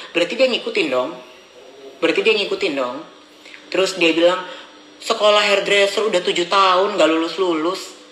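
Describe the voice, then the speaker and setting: A man's voice: high voice, sharp tone, roomy sound, slight background noise, low-quality recording. A man ranting casually to his followers, chatty, repetitive and indignant, recorded on a phone held at arm's length. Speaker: social media vlogger. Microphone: phone camera at arm's length.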